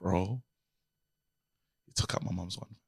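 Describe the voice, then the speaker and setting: A man with a London accent bantering casually in slang as a podcast host, animated and excitable. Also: sits low, measured pace, gravelly, slightly rough. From Nigerian family, Delta.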